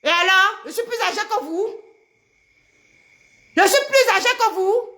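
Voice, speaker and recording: Shrill furious woman ranting. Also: measured pace. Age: middle-aged. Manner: shouting insults, mocking, repetitive. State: pregnant. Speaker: social media personality. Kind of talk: angry live-stream rant.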